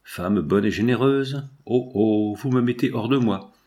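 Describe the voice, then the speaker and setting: A man reading a classic novel aloud as an audiobook, in a measured, emotive way with a shifting tone. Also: mid-range voice, darkish tone. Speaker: audiobook reader. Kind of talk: scripted literary narration.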